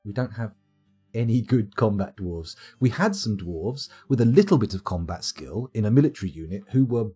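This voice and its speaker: A man talking over livestream microphone audio from his desk, his pitch moving lively up and down as he chats wryly through a strategy game. His voice has a husky, slightly breathy edge, and a soft guitar plays faintly behind him. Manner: wry, chatty, reads game reports aloud. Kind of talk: casual livestream commentary.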